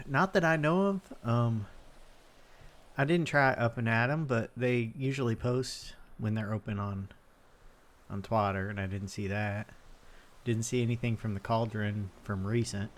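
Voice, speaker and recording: In improvised roleplay chat, a man with an unhurried, medium-pitched voice close to everyday speech plays an awkward, easygoing guy in a roleplay game. The character talks in hesitant, rambling loops and repeats himself.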